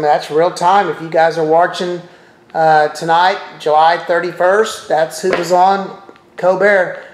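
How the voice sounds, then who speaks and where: A man's voice: fairly high pitch, a little mellow. A middle-aged man casually walking viewers through a TV streaming service, thinking aloud with chatty asides as he clicks around. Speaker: presenter demonstrating a TV streaming service. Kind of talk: casual walkthrough talking to viewers. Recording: roomy echo.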